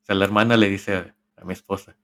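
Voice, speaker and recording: A man with a Mexican accent, a podcast co-host telling a story in a rambling, halting way, full of slang and swearing. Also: sits low, fairly even intonation, a bit bright. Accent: Mexican Spanish. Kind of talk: casual storytelling among friends.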